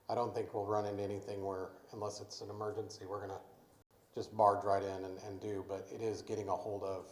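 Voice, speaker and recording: Man speaking loudly in an echoey meeting room. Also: on the low side. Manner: speaks loudly over background noise, explanatory. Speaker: city official at committee meeting. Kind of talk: public meeting discussion.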